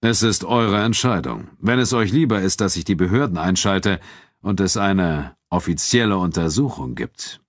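Man reading as a measured town official, calm and cold, voice lifted from a very deep base, dry close sound, storybook reading. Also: dry recording. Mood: calm firm. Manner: calm, measured, quietly firm.

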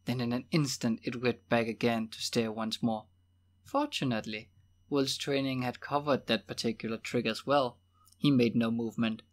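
A man narrating a novel as an audiobook in a steady, measured reading voice. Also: medium pitch. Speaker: audiobook reader.

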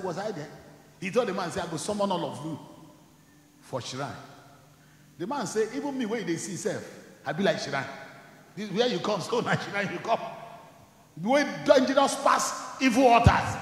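A man preaching a sermon, shifting from quiet storytelling to loud shouted declarations. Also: sits high. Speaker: pastor. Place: church hall. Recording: echoey church hall.

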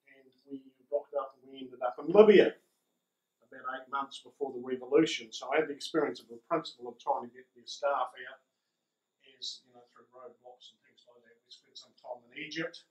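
A man's voice: mid-range voice, darkish tone. An older man with a broad New Zealand accent gives an informal, conversational conference talk with a self-deprecating manner. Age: older, around 60s. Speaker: conference speaker, school principal. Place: indoor conference room, standing before a small audience. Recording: roomy, echoing conference room.

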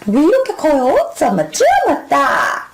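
A woman voicing a curious, sweet little girl in a children's storybook, speaking in slow, exaggerated phrases. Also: sits high, wildly swooping pitch, heavy background noise, voice pushed up, full character voice.

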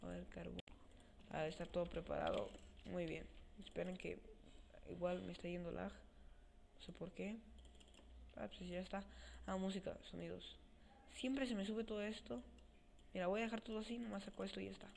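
A man talks his way through a video game, jumpy and quick to curse, muttering to himself between outbursts. He is recorded at home on a cheap desk mic with no stand, so his voice sits a little low in the mix. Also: vocal fry, a little hiss or hum. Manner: excitable, swears often, talks to himself while playing. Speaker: gaming channel host. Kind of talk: let's play gameplay commentary. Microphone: cheap desk mic without a stand, voice comes out quiet.

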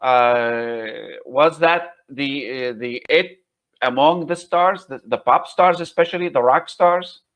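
A man hosting an interview, asking questions in a halting way and repeating words as he goes. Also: medium pitch, a bit bright. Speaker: host. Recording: dull lo-fi sound.

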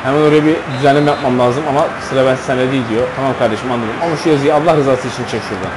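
A man with a Turkish accent giving live commentary on his own football video game, cheering and complaining loudly at the play. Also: medium pitch, fairly even intonation, racing, heavy background noise. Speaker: gameplay commentator.

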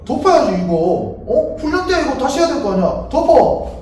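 A man's voice: very high voice, big pitch swings, fairly quick, darkish tone. A man playing a petty, foul-mouthed army sergeant major who barks and scolds in a military comedy skit. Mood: angry, bossy. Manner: barking, scolding, swearing constantly. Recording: very echoey, distant mic, faint noise.

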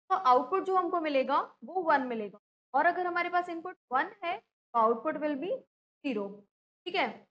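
A woman's voice: very high-pitched, low-quality recording. A woman, teaching a class and explaining step by step, often asking a question and then answering it herself. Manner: explanatory, asks and answers own questions, frequent "theek hai".

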